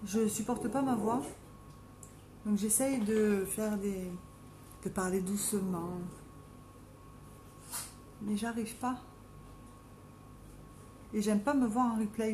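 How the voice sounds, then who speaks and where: A middle-aged woman with a Marseille accent, doing her makeup live at home and chatting casually with viewers by name, self-mocking, with a strong, deep voice. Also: slow, pauses often, dark tone, slight background noise. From Marseille, France. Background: dogs playing now and then.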